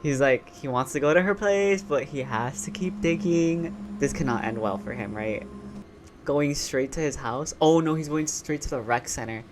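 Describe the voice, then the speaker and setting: A man talks like a sassy drag queen, casually reacting to a show with plenty of slang. There is faint noise behind his voice, with the show's audio playing low. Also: normal speed. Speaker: reaction video host. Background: show audio playing quietly.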